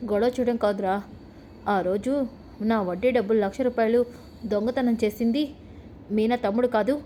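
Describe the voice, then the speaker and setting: A woman voicing a loud scolding mother-in-law. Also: a little high, steady tone, moderate pace, a little hiss or hum, natural voice. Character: angry domineering middle-aged mother-in-law.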